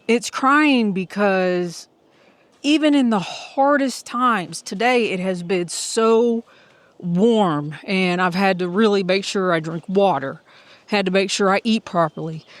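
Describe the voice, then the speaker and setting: A middle-aged woman with a drawl records a vlog into her phone while out on a hiking trail. She talks slowly and from the heart, thinking aloud and sometimes catching her breath. The sound is close and dry, with no room around it. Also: medium pitch, dry recording. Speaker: hiker vlogging as she walks. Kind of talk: casual audio vlog.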